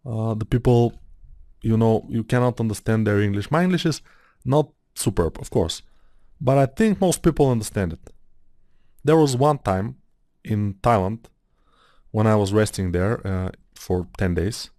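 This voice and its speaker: A man with an Eastern European accent rambles casually through a modeling tutorial, thinking aloud and using lots of fillers. His voice is on the low side, a little slow and warm, recorded cleanly in a studio with no echo.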